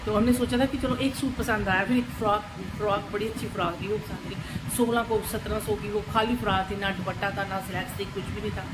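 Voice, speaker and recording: A woman's voice: medium pitch, steady tone, a little fast, noisy background. A middle-aged woman chatting casually in a home vlog while she does kitchen chores, rambling from one topic to the next, at times drifting away from the phone. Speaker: vlogger.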